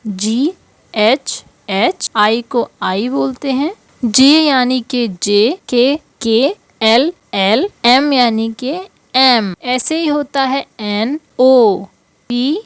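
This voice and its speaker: Woman, English teacher, unhurried, repeats each letter sound, slightly high voice. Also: no room sound. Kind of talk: slow explanatory lesson.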